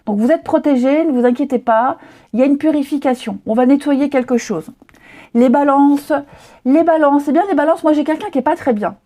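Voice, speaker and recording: A woman's voice: high voice, fairly quick, mellow. A woman giving a casual daily tarot reading, chatty and reassuring, with many fillers and restarts. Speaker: tarot reader.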